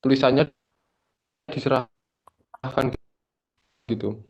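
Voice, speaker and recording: Student, halting delivery, call audio breaking up and dropping out, mid-pitched voice. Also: steady tone, darkish tone, highs cut off. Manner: slow and halting, repeating words. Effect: choppy, breaking-up video call audio. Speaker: student in an online class. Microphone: video call. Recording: distant, cutting-out call audio.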